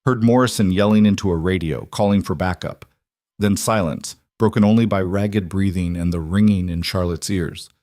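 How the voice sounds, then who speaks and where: A man reading a thriller audiobook in an even, measured manner on a close mic. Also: low-pitched, no room sound. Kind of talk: scripted narration.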